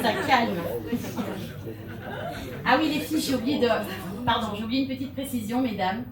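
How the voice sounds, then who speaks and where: A woman's voice: on the high side, normal speed, a crowd in the background. Playful woman speaking in an echoey hall. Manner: playful, theatrical, laughing asides. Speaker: conference speaker. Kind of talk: humorous stage talk. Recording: echoey hall, mic from far off.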